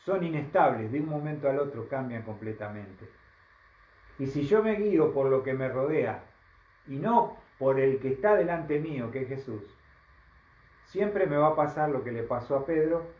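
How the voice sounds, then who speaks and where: A man with a Rioplatense Spanish accent preaching a sermon, slow and emphatic, often asking the congregation rhetorical questions. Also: mid-range voice, animated, echoey room, phone-quality sound. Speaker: pastor.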